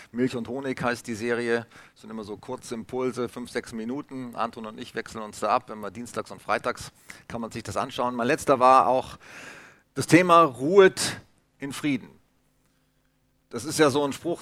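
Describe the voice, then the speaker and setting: A man's voice: mid-range voice, a bit bright, no room sound. A man from Hamburg, preaching a chatty, story-filled sermon with many asides and fillers. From Hamburg, Germany. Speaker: pastor.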